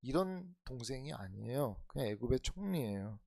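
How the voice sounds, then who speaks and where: A man's voice: medium pitch, sing-song, moderate pace, creaky, a little mellow, no room sound. A male pastor preaching an expository sermon in earnest, urging tones, full of rhetorical questions. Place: church sanctuary.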